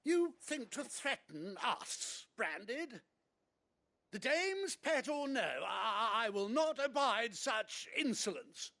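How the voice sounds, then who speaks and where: A man's voice: very high-pitched, sing-song, slow, sharp tone, exaggerated voice. A man playing a haughty, sneering, cruel nobleman father in a video game, pompous and indignant in manner. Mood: blustering.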